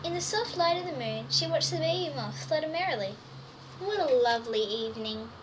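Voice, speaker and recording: A woman with a high-pitched, expressive voice reads a children's story slightly quickly, exclaiming with wonder as she addresses the young audience. Her voice is captured from afar, over faint background noise.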